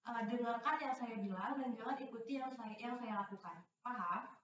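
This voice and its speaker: Her voice fairly high and her speed normal, a young woman runs a group counseling session as if teaching a class, full of hesitant fillers and frequent checks for understanding. It was captured in a reverberant room through a far-off, muffled microphone, with a little background noise.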